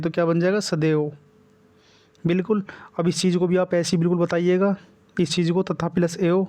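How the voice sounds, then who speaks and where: A man's voice: high-pitched, darkish tone. A man with a Hindi accent teaching a grammar lesson for exam preparation, repeating each step and checking in with the class. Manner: repetitive, checks in with "ठीक है" constantly. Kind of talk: whiteboard exam-prep lesson.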